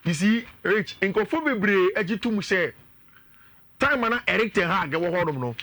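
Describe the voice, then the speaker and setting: A man with a Ghanaian accent, a sports pundit giving energetic, analytical talk on a radio show and mixing in local phrases. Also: high-pitched, measured pace, dry recording.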